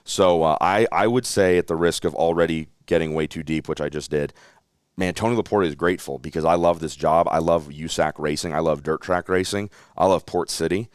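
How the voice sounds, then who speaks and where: A young man with a low, deep voice speaks earnestly and reflectively in a candid interview, his tone smooth and clear. He livens up when he tells stories. The sound is close and dry, with no room echo. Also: brisk. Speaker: racing announcer, podcast guest.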